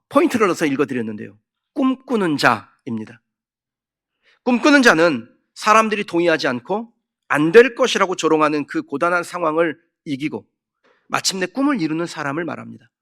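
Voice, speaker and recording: Bright-voiced man preaching a sermon. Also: a little high. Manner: earnest preaching with rhetorical questions and sudden emphatic rises. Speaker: pastor. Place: church sanctuary.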